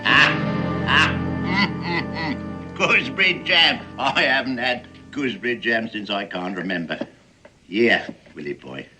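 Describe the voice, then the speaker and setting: An older man playing a gruff, wheedling old seaman and blackmailer in a western drama, with a gravelly voice and sly, folksy coaxing. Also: medium pitch, expressive, takes it slowly, over music. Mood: sly, teasing. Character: wheedling, menacing old sea dog blackmailer, male. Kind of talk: period western screen acting.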